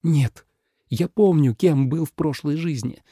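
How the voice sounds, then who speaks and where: A man voicing a calm, firm young man in an audiobook, speaking in a measured, cool and resolute manner. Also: fairly high pitch, breathy edge, no room sound, clean studio sound, voice pushed up. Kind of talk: audiobook character voice.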